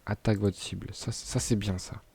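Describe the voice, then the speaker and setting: Young man chatting over gameplay, mellow voice. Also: fairly low pitch, fairly even intonation, moderate pace, creaky, husky. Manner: chatty, laughs and stumbles over words. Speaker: gaming YouTuber. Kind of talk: casual gameplay commentary.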